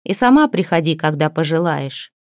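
Lady reading as a calm older matron, slow and deliberate, dry close sound. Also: low voice, dry recording. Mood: measured.

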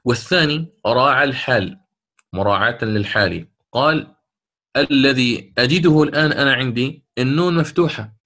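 A man's voice: medium pitch, normal speed, pushed and bright. A man teaching the rules of Quran recitation in a lecture. He explains step by step, repeats his points and chants short example passages.

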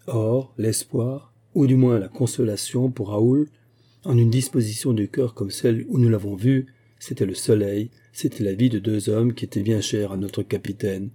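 Man, audiobook narration, measured reading, low pitch, husky. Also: warm tone. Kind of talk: scripted narration.

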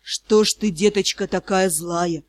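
A woman's voice: medium pitch, a little slow, a little mellow, dry recording, voice pushed down, lightly acted. A woman voicing a fretful, folksy old male house spirit who speaks in rustic old-fashioned words and sighs and grumbles. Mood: grumbling. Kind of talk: audiobook character voice.

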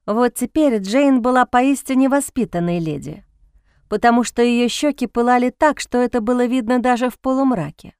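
A woman narrates an audiobook with expressive, dramatic phrasing. Her voice sits fairly high and sounds polished and clean. It is recorded close on a studio mic with no room echo. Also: moderate pace, clean tone.

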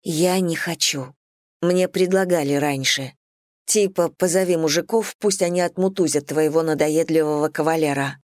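A woman voicing an impatient, stubborn young woman, lifting her voice higher and sounding agitated. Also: normal speed, a little mellow, dry recording, studio quality, natural voice. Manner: higher, agitated, insistent delivery.

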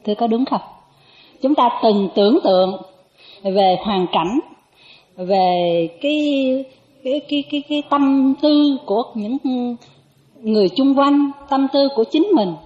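A woman, a Buddhist nun, giving a dharma talk to an audience. She tells a personal story with lively, animated delivery and acts out the dialogue. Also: a little high, unhurried. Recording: echoey, dull lo-fi recording.

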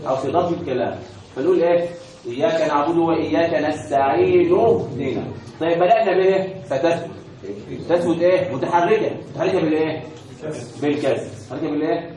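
A man's voice: a little high, a little mellow, a little hiss or hum. A man with an Egyptian accent teaching Quran recitation, constantly asking questions and having the class answer in call and response. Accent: Egyptian Arabic. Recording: echoey room from a distance.

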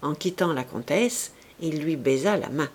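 Expressive woman narrating a classic novel. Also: sits low. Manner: expressive, measured reading. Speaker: audiobook reader. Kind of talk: literary audiobook narration.

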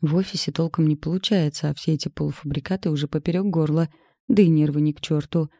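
A woman reading a first-person story aloud in a lively, wry narrating manner on a close mic. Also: sits low, quick pace, dry recording. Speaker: audiobook narrator.

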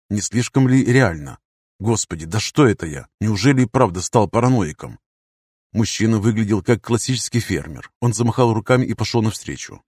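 Man, audiobook narrator, lowish voice, wry and cynical, matter-of-fact, dry close recording. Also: darkish tone, husky, dry recording. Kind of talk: first-person audiobook narration.

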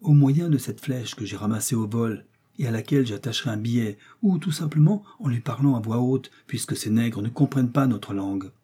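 A man's voice: medium pitch, a little fast, hardly any pauses, mellow, breathy edge, lightly acted. A man voicing a loyal young manservant who speaks earnestly and respectfully to his master.

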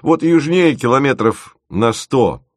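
A man's voice: mid-range voice, lively intonation, measured pace, dry recording, studio quality, voice pushed up. A man voicing a bossy, motherly woman who leads an expedition and dotes on her team. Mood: bossy, doting.

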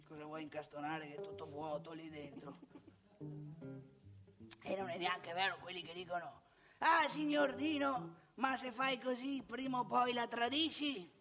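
This woman uses a natural, mid-range voice to portray a cranky old married man full of opinions, speaking with a northeastern Italian accent. Her comic theatrical monologue scolds and mocks, haranguing in rhetorical questions.

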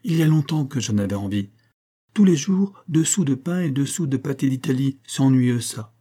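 A man's voice: moderate pace, husky. A man voicing an earnest, lonely young boy in a raised, childlike voice, read as part of an audiobook. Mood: eager. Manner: raised childlike pitch, pleading and lively.

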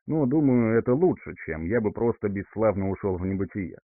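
A man reads a composed young man who speaks with quiet certainty and a low voice. The recording is dry, with a thin, phone-like band. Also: expressive, fairly quick, no echo. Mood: calm. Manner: composed, level-headed. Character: calm reborn young man returning home.

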